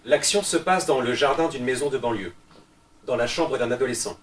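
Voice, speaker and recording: A man reading the stage directions of a play, calm and measured. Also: mid-range voice. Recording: roomy, distant mic, faint noise.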